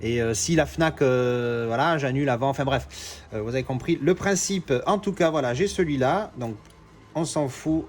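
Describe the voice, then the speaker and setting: Casting: chatty guy, mid-pitched, gushing collector, rambling. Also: moderate pace. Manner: chatty, excitable, lots of fillers and self-corrections. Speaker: collector unboxing discs. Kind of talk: casual unboxing vlog.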